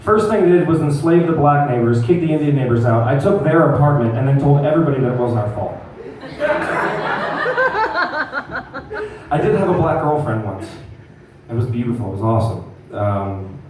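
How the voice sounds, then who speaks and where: Young guy rambling through a crude comedy set, booming room echo, faint hum behind. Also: a little mellow, distant mic. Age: young adult. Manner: crude, rambling, talks back to the crowd. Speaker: stand-up comedian. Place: comedy club stage.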